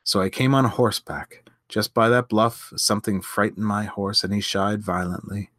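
A man voicing a sturdy young man, a warm big brother who speaks soberly and earnestly, in a storybook reading. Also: fairly low pitch, steady tone, normal speed, dry recording, studio quality, natural voice.

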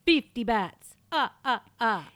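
Casting: a woman doing a campy vampire, loud drawl, counting bats, pitching up high. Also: big pitch swings, slow, no echo, full character voice. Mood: hammy menace.

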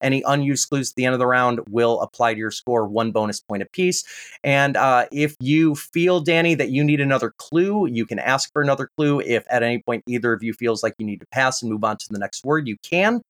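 An American man hosting a podcast word game, reading scores and rules with brisk, wry patter. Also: medium pitch, a bit bright. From United States. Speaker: game show host.

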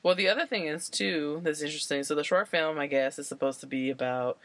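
A woman with a notably low voice co-hosting a podcast. She chats casually and rambles through explanations, laughing often. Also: a little fast, no echo. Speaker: podcast co-host. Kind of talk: casual chat.

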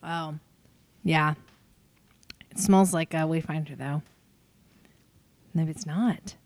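A woman's voice: deep voice, fairly even intonation, slow, a little mellow, dry recording. A woman co-hosting a podcast, chatting casually and playfully, swearing lightly and joking off on tangents. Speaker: podcast co-host. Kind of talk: casual chat.

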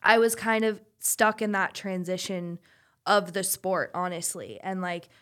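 A woman's voice: mid-range voice, steady tone, measured pace, a bit bright. A young woman in her twenties chats openly on a podcast about her years as a college swimmer. Her talk is loose and conversational, packed with "like" and "you know.". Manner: heavy use of "like", chatty and candid. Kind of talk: casual chat.

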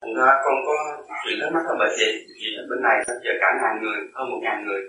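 A man's voice: fairly low pitch, very fast, bright, forceful tone, a little hiss or hum. Polite man heard from far in a room. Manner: polite, formal, hesitant. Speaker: new disciple. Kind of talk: formal question to a teacher. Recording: roomy, distant, faint ambience.

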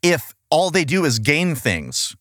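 A man's voice: on the high side, very animated, slow, a bit bright, no room sound, clean studio sound. A man co-hosting a podcast, reviewing in an exasperated, profane, casual and comic way. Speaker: podcast co-host.

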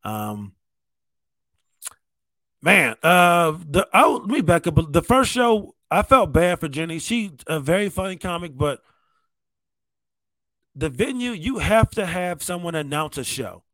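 A man's voice: a little high, very animated, a little slow, pauses often, sharp tone, no echo. A male stand-up comedian telling stories in a loose, conversational way, often saying "man" and "like". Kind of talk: casual storytelling monologue.

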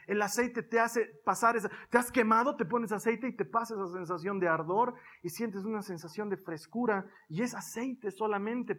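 A man preaching a lively sermon, acting out his own prayers and conversations as he speaks. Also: sits high, slightly rough. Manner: animated, acts out his own prayers and dialogue. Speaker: pastor.

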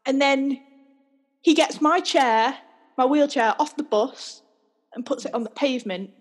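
A young woman co-hosting a podcast, telling a story in a chatty, animated way and laughing often. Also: sits high, unhurried. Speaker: podcast co-host. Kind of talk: casual storytelling chat.

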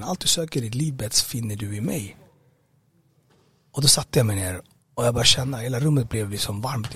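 A man with a husky, breathy voice tells his personal story to an interviewer. His speech is halting and full of fillers and repeated words. The sound is dry and close, with no room around it. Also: medium pitch, fairly bright tone, dry recording. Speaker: interview guest. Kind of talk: personal testimony, conversational.

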